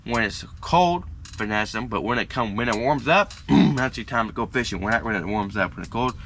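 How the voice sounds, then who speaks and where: A man's voice: mid-range voice, animated, moderate pace, a bit bright, slight background noise. A man hosting a casual fishing tutorial, rambling and repeating himself with jokey slang. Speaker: fishing video host.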